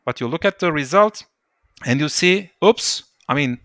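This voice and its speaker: Bright-voiced man explaining thoughtfully. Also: a little high, moderate pace, dry recording, clean studio sound. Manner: thoughtful, explaining with lively emphasis. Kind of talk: casual discussion.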